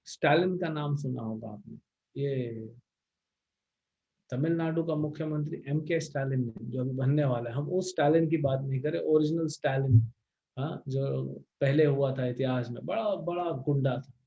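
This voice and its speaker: A man's voice: medium pitch, moderate pace, vocal fry, warm tone. A man teaching a scripture lecture in a conversational way, often checking in with his listeners. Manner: conversational, checks in with rhetorical "hmm?". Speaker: spiritual teacher. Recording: dull lo-fi recording.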